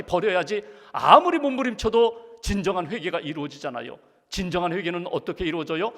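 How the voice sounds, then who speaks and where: A man preaching from the pulpit, his voice surging and then dropping low for emphasis. His voice sits fairly high for a man. It rings out with the long reverb of a large church hall. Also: fairly bright tone. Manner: emphatic preaching, rising and falling sharply in pitch and volume. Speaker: pastor. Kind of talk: sermon.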